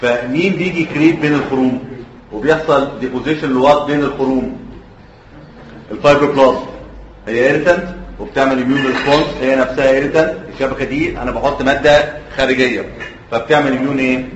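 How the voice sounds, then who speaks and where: A man's voice: medium pitch, steady tone, fast, slight background noise. A man with an Egyptian Arabic accent giving a surgery lecture, quizzing the students and letting them finish his sentences. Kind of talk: classroom lecture. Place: lecture hall. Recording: echoey lecture hall, dull lo-fi audio.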